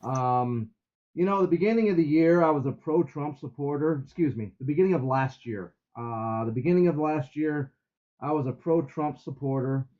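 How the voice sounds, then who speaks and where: A man's voice: a little high, normal speed. A man speaking over a phone with earbuds that sound muffled, as if heard through a wall, talking hesitantly with many ums. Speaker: call-in participant. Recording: muffled dull phone line.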